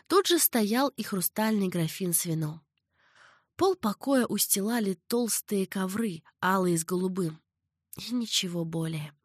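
A woman narrating an audiobook novel in a calm, measured reading voice. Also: mid-range voice, no room sound, studio quality. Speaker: audiobook reader. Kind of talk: scripted narration.

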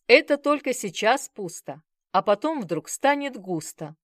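A woman's voice: medium pitch, very animated, moderate pace, no echo, studio quality, natural voice. A woman reading the part of a joking, reassuring male police friend in an audiobook. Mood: bantering.

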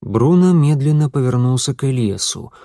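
Male audiobook narrator, even and measured, dry close sound. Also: medium pitch, dry recording.

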